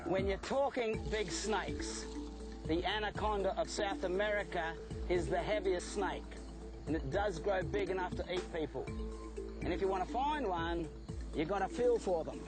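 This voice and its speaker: High-pitched Australian man presenting wildlife. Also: normal speed, loud music behind the voice. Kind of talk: informal presenting to camera while handling snakes.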